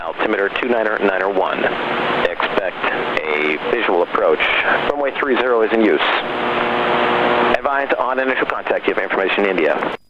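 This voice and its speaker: Give me a low-voiced man reading an airport weather broadcast over cockpit radio. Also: expressive, moderate pace. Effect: recorded airport weather broadcast over aircraft radio. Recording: muffled radio audio under loud engine noise.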